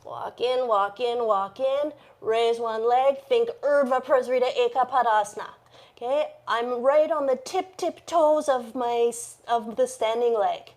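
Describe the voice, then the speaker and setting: A woman's voice: a little high, a little slow, darkish tone. A woman teaching a yoga class, cueing poses with short repeated commands and checking in with her students, at times out of breath. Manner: encouraging, checks in with "okay?". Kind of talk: live yoga class instruction.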